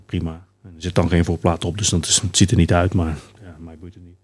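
Low-voiced man telling a relaxed anecdote. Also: quick pace, husky. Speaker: podcast co-host. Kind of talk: casual podcast chat.

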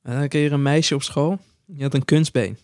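A man in casual chat, telling animated anecdotes full of acted quotes and laughter. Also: on the high side, brisk, no room sound, clean studio sound.

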